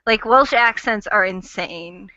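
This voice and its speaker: A woman's voice: medium pitch, takes it slowly, crowd noise. A woman from Michigan with a Michigan American accent, hosting a casual fan chat in a bubbly, rambling way. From Michigan, USA. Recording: lo-fi voice chat audio.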